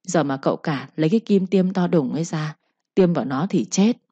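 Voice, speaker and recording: A woman storyteller giving a steady scripted narration of a romance tale. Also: low-pitched, fairly quick, slightly rough, no echo. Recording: slightly muffled recording.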